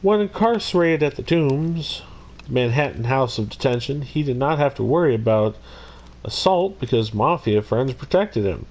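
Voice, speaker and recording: A man's voice: mid-range voice, animated, normal speed, darkish tone. A man hosting his own video, casually narrating a criminal history and breaking off into rambling jokey asides. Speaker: YouTube host. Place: Missouri.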